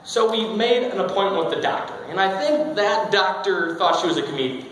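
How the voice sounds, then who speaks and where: A man's voice: high voice, lively intonation, a little fast, fairly bright tone. A man in his twenties telling a humorous personal speech, joking and self-deprecating. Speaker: speaker giving a speech. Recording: very echoey hall, faint noise.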